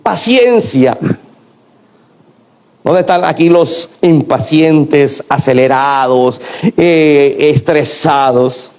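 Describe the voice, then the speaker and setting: A man's voice: a little high, very slow, a little mellow. A middle-aged man preaching a sermon, asking rhetorical questions and having the congregation repeat after him. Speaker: pastor.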